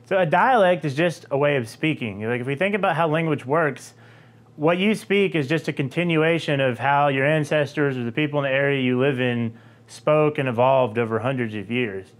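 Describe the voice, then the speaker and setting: A young man with a faint, softened Southern lilt talks through a linguistics idea in a loose, conversational manner. He pauses on little ums and uhs as he thinks, keeping the pitch in an ordinary middle range. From Georgia, US. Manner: relaxed, conversational, frequent filler ums. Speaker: linguistics video host. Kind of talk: explanatory talk to camera.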